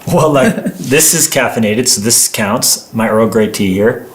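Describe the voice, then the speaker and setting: A man with a mid-range voice and measured delivery co-hosts a livestream alongside his partner, spinning playful, meandering stories in casual conversation. The sound is roomy and echoes like an indoor space.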